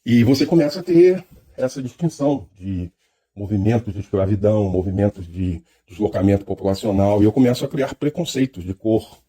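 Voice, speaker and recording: A man's voice: on the low side, animated, fairly quick, mellow, slightly rough. A man with a Brazilian Portuguese accent giving a reflective, lecture-style monologue, thoughtful and hesitant, often restarting his phrases. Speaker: speaker.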